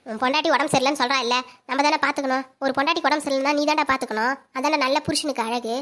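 A woman's voice: sits high, steady tone, rapid-fire, a bit bright. A woman playing a fussy village mother-in-law in a comedy skit, scolding and fussing over her daughter-in-law.

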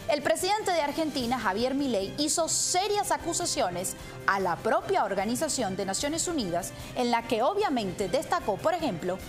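A woman in her thirties presenting the news in a studio with pointed commentary, speaking emphatically into a lapel mic. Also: high-pitched. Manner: emphatic, gestures while speaking.

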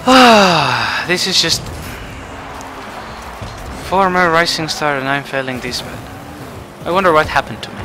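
A man giving frustrated gameplay commentary, swinging between muttering and shouting. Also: on the high side, expressive, measured pace, pauses often, music in the background, poor audio. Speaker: gaming channel host.

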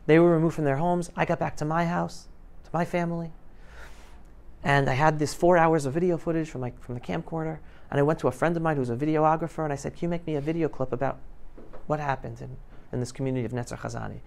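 A middle-aged filmmaker, visiting as a guest speaker in an indoor school classroom, tells students his story in an emphatic, colloquial way, acting out conversations as he goes. His voice is a little high and darkish, with vocal fry, a steady tone and a quick pace. He's wearing a clip-on lapel mic.

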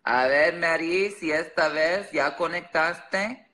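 This sassy, slangy livestream host from Chicago, United States, speaks English as his first language with an American accent and moves between English and Spanish as he chats with viewers. His voice is a little high, bright, and forceful, and he talks slowly.

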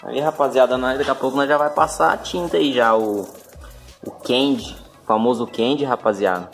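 A man with a Brazilian Portuguese accent hosting a casual vlog from a home garage, chatting in a relaxed, slangy way and often turning to his viewers. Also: medium pitch, normal speed, vocal fry, soft background music. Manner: laid-back, slangy, keeps addressing the viewers. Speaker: channel host. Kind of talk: casual chat.

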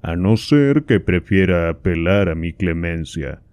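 A man reading aloud, voicing a stern, troubled king with measured, deliberate speech. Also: low-pitched, animated, darkish tone, smooth, dry recording.

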